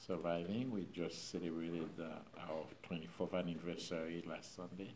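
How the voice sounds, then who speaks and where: A middle-aged Haitian pastor with a Haitian accent, speaking informally to a church group in a halting way, with many pauses and fillers. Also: male voice, deep voice, fairly even intonation, a little mellow, a little hiss or hum.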